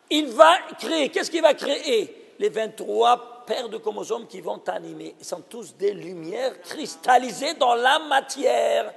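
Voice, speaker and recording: Rabbi teaching a class: very high, husky voice, emphatic, keeps quizzing the room. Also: male voice, in a large hall. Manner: emphatic, fires rhetorical questions at listeners. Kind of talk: recorded Torah lesson.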